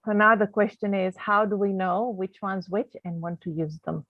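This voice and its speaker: A Canadian-raised woman who learned English as a second language teaches grammar online over a video call, explaining patiently with lots of fillers and restarts. Her medium-pitched voice is steady and at normal speed, and the dry audio sounds tinny and phone-like.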